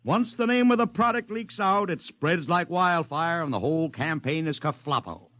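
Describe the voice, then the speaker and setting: An actor playing a glib, money-hungry publicity agent with slangy wisecracking patter in a 1950s radio drama. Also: male voice, fairly high pitch, lively intonation, normal speed, fairly bright tone, dry recording. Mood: sales patter.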